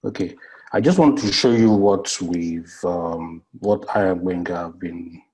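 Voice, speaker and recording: A man speaking as a guest on a video call, with a very low, husky voice. He talks haltingly and fills his pauses with many ums. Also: a little mellow.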